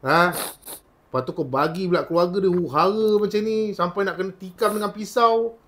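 A man's voice: sits high, normal speed, fairly bright tone, a little hiss or hum. A man working as a spiritual healer, mockingly scolding and teasing a possessing spirit during a healing session.

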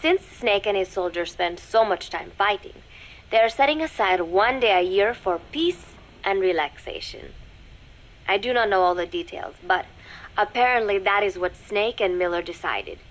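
A woman voicing a reserved teenage girl recording an audio diary for a game, speaking in a measured, formal way that drops softly toward a whisper. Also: medium pitch, rough recording. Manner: measured, formal, quiet with soft whispered dips.

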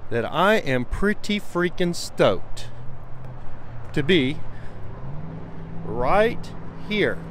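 A man in his forties chatting casually to viewers outdoors on a quiet road, filming himself with a handheld camera at arm's length. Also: on the high side, very slow, long pauses. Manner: relaxed and chatty, talking to viewers. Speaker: vlogger. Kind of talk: casual vlog. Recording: faint outdoor traffic noise.

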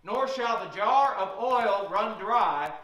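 A middle-aged pastor with a high, sharp, animated voice preaches slowly from the pulpit of a small church, retelling Bible stories in his sermon. The sound is echoey and distant, captured by a room mic on a far-off camera.

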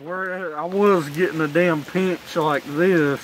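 Rain pours while a young man sits on a covered porch, reviewing dip tobacco into a phone camera on a kickstand. Speaking slowly with fairly even intonation in a slightly high voice, he rambles casually in a laid-back drawl, cursing often, amid background noise.

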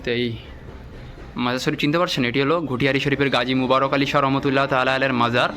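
A man giving a walking-tour vlog narration, speaking in a deliberately hushed, reverent way. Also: mid-range voice, little pitch movement. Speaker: vlog host and guide. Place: outdoors in a cemetery. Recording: clearly noisy on-location ambient sound.

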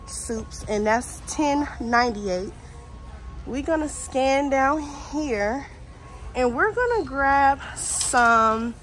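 Inside a large warehouse store, a young American vlogger chats informally and directly to viewers, like in a casual shopping vlog. Her voice is fairly high and a bit bright, but the audio is poor, with faint store ambience noise.

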